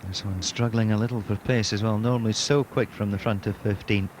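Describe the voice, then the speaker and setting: A male golf commentator with a fairly low voice describes play in short, measured phrases and leaves pauses between them. Clear outdoor noise from the course sits behind his voice. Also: fairly even intonation, poor audio.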